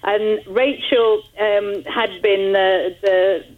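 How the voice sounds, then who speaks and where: A woman's voice: mid-range voice, steady tone, drawn-out words, phone-quality sound. A woman author answering radio interview questions in a hesitant way, with many fillers and laughs. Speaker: author guest.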